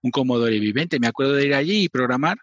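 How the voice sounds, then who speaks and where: A man's voice: medium pitch, animated, fast talker, no echo. A middle-aged man, telling stories as a podcast guest in a chatty, self-mocking way. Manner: chatty, self-mocking, often laughing and restarting. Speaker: podcast guest, former magazine writer. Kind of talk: casual interview storytelling. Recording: dull lo-fi dry sound.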